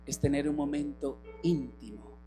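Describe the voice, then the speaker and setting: A man preaching a sermon as a pastor. He acts out the figures he quotes and swings between strong calls and soft, hushed passages. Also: on the high side, normal speed. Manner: preaching with acted quotes, rising and dropping to soft tones. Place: church hall. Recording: reverberant hall with music.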